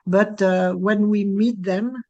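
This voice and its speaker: Slow-talking woman speaker. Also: medium pitch, fairly even intonation, warm tone, highs cut off. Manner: halting, many pauses and fillers, non-native phrasing. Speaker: training speaker. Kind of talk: Q&A answer at a training session.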